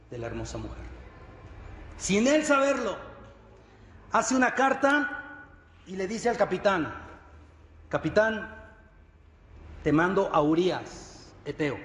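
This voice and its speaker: A man preaching a sermon as pastor, telling a Bible story with lively acted-out dialogue. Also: high voice. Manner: dramatic storytelling, acting out dialogue. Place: church hall. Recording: echoey church hall, faint ambience.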